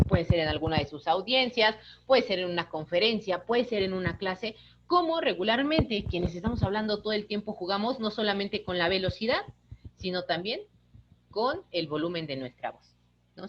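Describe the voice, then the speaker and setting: A woman, an instructor giving a lively online lecture, talking with her hands. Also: medium pitch, dull audio, background noise. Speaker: course instructor.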